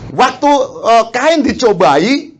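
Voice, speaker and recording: This preacher's voice is very high, swinging widely in pitch as he gives a lively sermon. He peppers the congregation with questions, lets out quick laughs, and plays out arguments.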